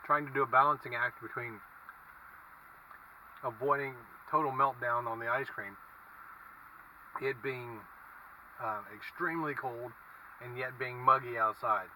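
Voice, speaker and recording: A man talks through a casual food review in a very bright, edgy voice. He muses haltingly between bites inside a car. The mic sits at a distance, and faint traffic noise runs underneath. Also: medium pitch, steady tone. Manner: halting, musing. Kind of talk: casual vlog review, talking while eating. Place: inside a parked car with windows down.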